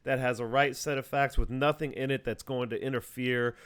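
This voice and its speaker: A man talking casually over a video call, walking his listener through a topic in long, wandering explanations. His voice is smooth and resonant at an ordinary middle pitch, full of "uh"s, "like"s and false starts. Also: fairly even intonation, fairly quick, fairly bright tone. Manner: rambling, explanatory, many fillers and restarts. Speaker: host. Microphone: video call mic.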